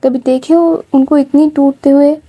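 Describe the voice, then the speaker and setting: A woman's voice: sits high, fairly even intonation, moderate pace, warm tone, close to an everyday voice. A woman voicing a strict mother who scolds her daughter in a reproachful way. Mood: scolding.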